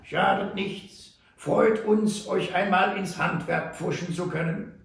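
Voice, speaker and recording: A man voicing a sly, mocking old male trapper who drawls slowly in a high, gravelly voice. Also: expressive, distant mic, full character voice. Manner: slow, teasing drawl. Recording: roomy echo.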